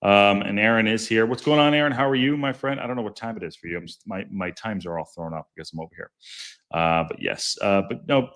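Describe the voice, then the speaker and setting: Talking fast in a deep, strong, fairly bright voice, the podcast host reads live viewer comments and chats jokingly. He tends to ramble and cut himself off, frequently tripping over words and starting sentences again.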